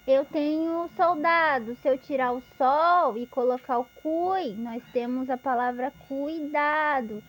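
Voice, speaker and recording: Woman, teacher, slow unhurried pace, patient step-by-step lesson. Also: high-pitched. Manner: patient, explains step by step with examples. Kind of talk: instructional lesson.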